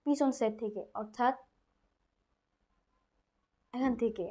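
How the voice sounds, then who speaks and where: A woman with a Bangladeshi Bengali accent teaches Quran recitation in a slow, unhurried tutorial. She repeats each letter sound again and again in patient drills, her voice sitting a little high. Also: dark tone.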